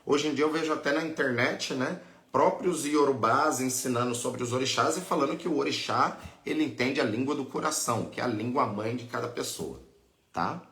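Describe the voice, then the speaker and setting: A man's voice: medium pitch, moderate pace, a bit bright, roomy sound. A man with a Brazilian accent, a priest and teacher explaining patiently as he answers questions on a live lesson. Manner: patient, explanatory, adds "né?" and "tá?" often.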